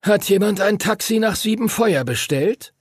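A man's voice: high-pitched, lively intonation, moderate pace, slightly rough, no echo, clean studio sound, voice pushed up, full character voice. A man voicing a brusque, gray-haired male pilot and teacher who barks out orders. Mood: gruff. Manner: brusque, commanding.

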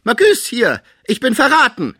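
A man's voice: very high voice, huge pitch swings, moderate pace, bright, forceful tone, husky, no echo, studio quality, voice pushed up, heavily acted. A man voicing a feverish, dying old male art collector who screams in terror and rage. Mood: terrified. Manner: shrieking, terrified and furious.

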